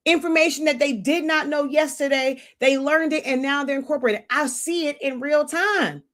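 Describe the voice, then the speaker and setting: High-voiced woman lecturing bluntly. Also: fairly bright tone. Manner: blunt, lecturing, searches aloud for words. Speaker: business mentor on a livestream. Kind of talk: unscripted live teaching monologue.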